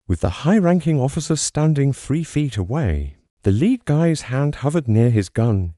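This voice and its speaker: A man's voice: mid-range voice, mellow, no room sound, clean studio sound. A man reading a scripted first-person story aloud in a dramatic, suspenseful storytelling manner. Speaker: narrator.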